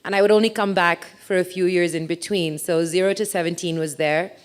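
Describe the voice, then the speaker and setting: Speaking on stage to a live audience, a woman in her thirties from India gives a chatty, self-mocking talk. Her English accent is a mix picked up during a childhood abroad. She speaks briskly in a lowish voice with fairly even intonation.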